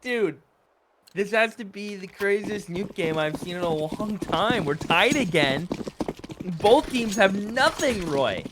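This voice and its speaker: A man giving live esports commentary in an excitable, conversational, incredulous way. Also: sits high, slow pace, background noise.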